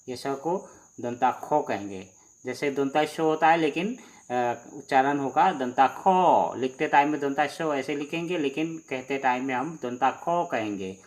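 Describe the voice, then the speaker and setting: A man teaching the alphabet slowly, pausing often with fillers as he writes. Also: medium pitch. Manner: slow, halting, many pauses and fillers. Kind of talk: handwritten alphabet lesson.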